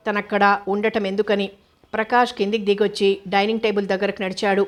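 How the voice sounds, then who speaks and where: Woman narrator, novel reading, steady and flat. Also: mid-range voice, quick pace. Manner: calm, even storytelling.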